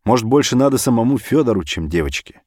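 A man narrating an audiobook story in an expressive, animated reading. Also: medium pitch, fast, no room sound, clean studio sound.

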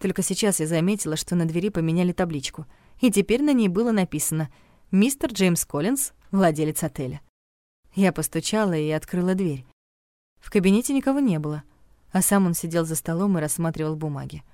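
A young woman narrating a first-person novel in a lively, wry storytelling manner, close to the mic. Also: on the low side, quick pace, no room sound. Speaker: audiobook narrator.

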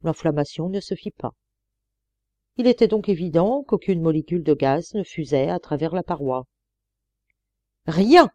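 A woman reading a classic novel aloud as an audiobook, in steady, measured storytelling. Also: sits low, no echo, dull audio. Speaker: audiobook reader. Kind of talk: scripted audiobook narration.

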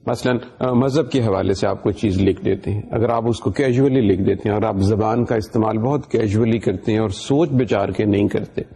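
A man's voice: lowish voice, few pauses, dark tone, breathy edge. A middle-aged man from Pakistan giving a university lecture, explaining patiently and slipping English phrases into his talk. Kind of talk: recorded lecture.

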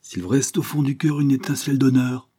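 A man's voice: low-pitched, steady tone, normal speed, warm tone. A man reading an audiobook, voicing an indignant noblewoman who scorns her husband, speaking vehemently in a raised voice.

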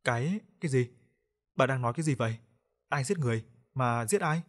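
A man's voice: medium pitch, fairly quick, natural voice. A man doing a startled village husband. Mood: alarmed. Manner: stammering at first, then firm. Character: alarmed middle-aged village husband, father of the house.

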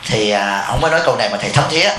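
A man giving a blunt, informal dharma talk to his disciples in a quick, rapid-fire delivery, his voice a little high and very bright. He speaks as a Buddhist abbot, calling himself their teacher. The recording sounds echoey, with a faint hum of noise behind him. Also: animated. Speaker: Buddhist monk and temple abbot.

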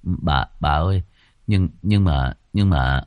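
A man's voice: rumbling low, expressive, measured pace, no room sound, narrow, tinny audio, pitched below the performer's own voice, exaggerated voice. A man voicing a timid young male servant who stammers and talks deferentially.

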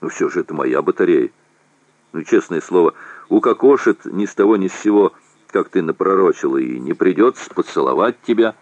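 A man's voice: sits low, lively intonation, brisk, a little mellow, dry recording, highs cut off. A man reading the lines of a confident young artillery officer who coaxes insistently. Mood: coaxing. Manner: coaxing and insistent.

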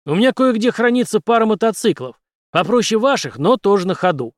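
A man voicing a gruff, hardened soldier captain who talks in curt, grim lines. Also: sits high, sing-song, fairly quick, no echo, studio quality, pitched above the performer's own voice. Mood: weary.

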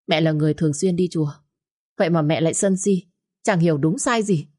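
A woman's voice: low-pitched, fairly quick, dark tone. A woman voicing a hurt young wife who answers her mother-in-law in a pained, pleading way. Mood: hurt, defiant. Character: hurt young wife, tearful but defiant.

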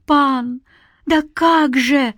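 Lady putting on a shrill old village granny, pleading and yelling, slow and drawn out, storybook voice. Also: dry recording, clean studio sound, close to an everyday voice. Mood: wailing. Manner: pleading and wailing, then yelling orders. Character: frightened old village grandmother, sharp-tongued.

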